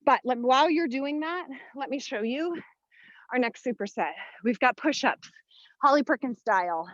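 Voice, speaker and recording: A woman's voice: sits high, lively intonation, normal speed, a bit bright, dry recording, lo-fi sound. A woman leading a follow-along workout as a fitness instructor, giving motivational short commands and counts while exerting herself. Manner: exerting while talking, audible breaths and sighs.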